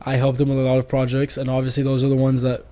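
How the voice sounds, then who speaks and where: A man's voice: mid-range voice, monotone, very fast, dark tone. A young man in his twenties hosting a casual podcast from a home living room, teasing and joking with his guest. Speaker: podcast host.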